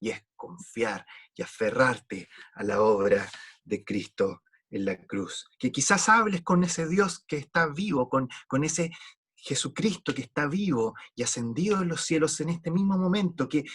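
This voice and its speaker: A man's voice: on the high side, expressive, measured pace, a bit bright, slightly rough. A man preaching a sermon in an earnest, pleading way, often repeating words as he restarts a thought.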